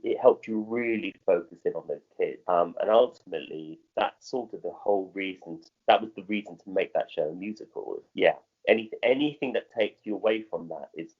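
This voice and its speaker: A middle-aged theatre director with a modern British accent answers interview questions conversationally, speaking haltingly and often repeating or rephrasing himself. His voice is low-pitched, and the sound is phone quality.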